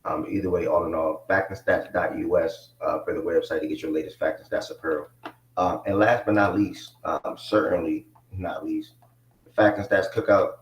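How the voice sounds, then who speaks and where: A deep, steady voice at normal speed belongs to a man in his twenties running a live sports talk show. He wanders loosely through topics with many fillers, easygoing in manner. The sound is echoey and far off, since the mic isn't connected.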